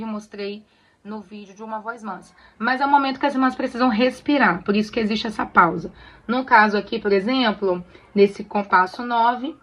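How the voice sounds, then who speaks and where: A woman's voice: on the high side, sharp tone. Friendly Brazilian woman teaching soprano singing. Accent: Brazilian Portuguese. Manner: friendly, explains patiently with many "tá bom?" checks. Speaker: singing teacher for church choir. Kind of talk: casual tutorial on reading sheet music.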